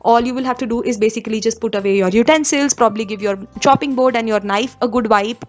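A woman's voice: on the high side, quick pace. Young woman, from India, home vlogger, conversational narration, many restarts, faint background music. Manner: conversational, with frequent fillers and restarts. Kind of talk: voice-over kitchen tips.

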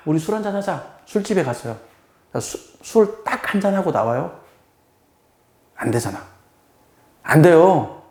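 A man teaching as a math tutor in a conversational lecture, acting out the people he quotes. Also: a little high. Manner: lively, acts out quoted people. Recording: echoey room.

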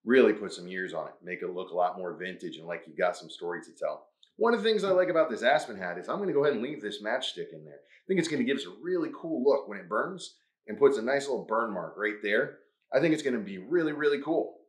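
A man's voice: on the low side, expressive, fast. Upbeat man hosting a roomy craft tutorial. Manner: upbeat, talks through each step. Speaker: host.

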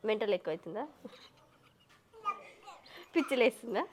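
A woman's voice: mid-range voice, animated, normal speed, a little mellow, a little hiss or hum. A woman, playfully calling out guesses in a casual family game. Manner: playful, repeats guesses aloud, laughs. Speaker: vlog host, guessing player.

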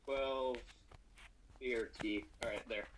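A man's voice: mid-range voice, steady tone, slow, background noise. A man bantering casually while playing a game with a friend, making wry jokes. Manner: joking, wry asides. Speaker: gaming co-commentator. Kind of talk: casual let's-play banter.

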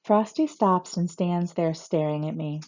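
A woman reading a first-person novel aloud with steady, expressive storytelling. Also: on the low side, a little slow, muffled recording. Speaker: reader.

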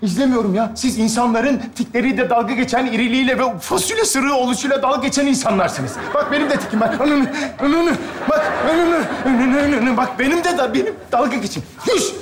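A man performing live sketch comedy on stage, loud, indignant and overdramatic. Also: very high-pitched, lively intonation, fast talker, hardly any pauses, background noise. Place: theater stage before a live audience. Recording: echoey theater stage with audience.

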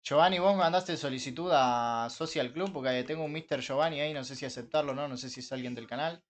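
A young man with an Argentine Rioplatense accent, chatting casually with his live-stream viewers while gaming, joking, swearing and breaking into frustrated shouts. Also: medium pitch, fast talker. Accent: Argentine Rioplatense Spanish. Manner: banters with chat, swears, bursts into frustrated shouts.

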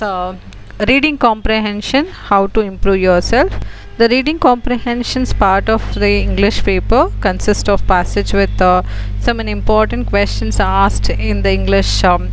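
A woman teaches an English lesson for exam students, explaining haltingly and listing items one by one. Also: mid-range voice, poor audio.

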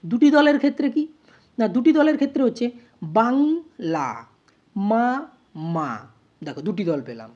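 A woman teacher explaining grammar, spelling out words slowly syllable by syllable. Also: fairly high pitch, sing-song, mellow, highs cut off. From West Bengal, India. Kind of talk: grammar lesson.

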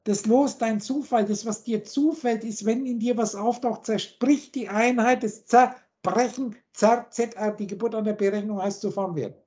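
A teacher on a video call walks through word roots in lecture style, listing word after word alongside its meaning. She sounds a little high, steady and mellow, keeping a moderate pace with few pauses.

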